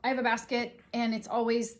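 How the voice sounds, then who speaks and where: A woman with a slightly high voice co-hosts a casual chat. She giggles often and pokes fun at herself. She cheers on the other host's work. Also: completely flat delivery, brisk. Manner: giggly, self-deprecating, supportive. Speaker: co-host.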